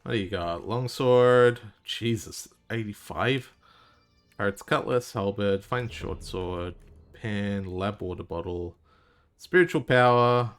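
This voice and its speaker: A man's voice: fairly low pitch, takes it slowly. A man streaming a video game live, commenting in a wry, offhand way and swearing freely. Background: game music.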